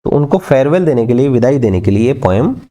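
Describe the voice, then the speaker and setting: A man giving an exam-prep literature lecture, mixing Hindi with English, asking and answering his own questions and dictating English lines slowly. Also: mid-range voice, very animated, warm tone.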